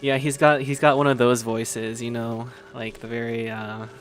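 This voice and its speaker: A man's voice: mid-range voice, level tone, normal speed. A man streaming a game and chatting casually over it. He rambles, jokes and trails off mid-thought, with faint music from the game underneath. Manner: rambling, joking. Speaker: gaming streamer. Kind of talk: casual commentary.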